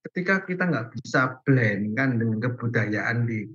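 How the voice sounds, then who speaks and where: A man's voice: mid-range voice, lively intonation, normal speed, a bit bright, slightly rough. A young man giving a casual online Bible lesson, chatty and informal, peppering his talk with fillers and laughing easily. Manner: chatty and informal, many fillers like "gitu" and "guys", laughs often. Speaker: Bible class teacher. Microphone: video call. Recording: muffled video call audio.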